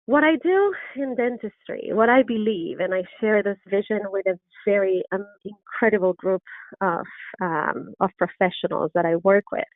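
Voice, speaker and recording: An orthodontist, a middle-aged woman with an Argentine Spanish accent, gives an earnest, enthusiastic webinar lecture, pausing on ums and restarting phrases. Her pitch is ordinary, and the audio is dry, tinny and narrow like a phone line, with no echo.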